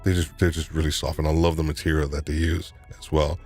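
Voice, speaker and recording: Deep-voiced New man, rambling host. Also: level tone, quick pace, darkish tone, faint music behind. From New York. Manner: rambling, with frequent restarts and repeated words. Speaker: live stream host. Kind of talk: casual live stream chat.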